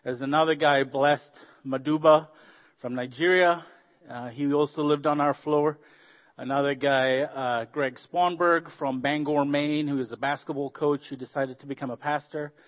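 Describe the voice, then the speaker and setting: A man's voice: on the high side, normal speed. Man telling stories in a hall. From Zambia. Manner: relaxed, anecdotal, frequent ums and uhs. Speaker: workshop speaker. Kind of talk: storytelling talk at a church workshop. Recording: dull lo-fi sound with long hall reverb.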